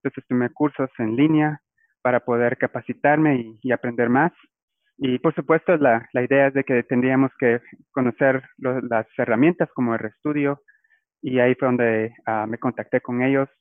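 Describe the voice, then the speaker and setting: A man's voice: medium pitch, steady tone, moderate pace, dry recording. Man on a tinny line. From Guatemala. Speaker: guest, data scientist. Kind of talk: casual interview. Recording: tinny phone-like line, dry.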